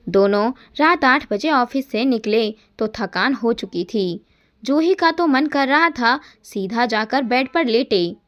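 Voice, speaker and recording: A woman narrating a scripted family story in a calm, even storytelling manner. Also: fairly high pitch, highs cut off.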